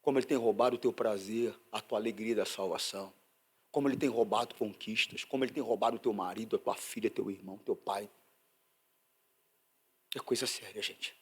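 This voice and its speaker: A man with a Brazilian Portuguese accent preaching a sermon as a pastor, swinging from loud outbursts to hushed asides. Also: fairly low pitch, a little fast, breathy edge.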